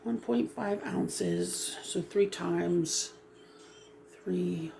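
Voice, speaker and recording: Against a noisy background, a woman talks extremely slowly in a lowish, creaky voice, casually vlogging about dyeing her hair. She's hesitant and rambling, with plenty of ums and self-apologies, and a lingering cough leaves her sniffly and a bit froggy.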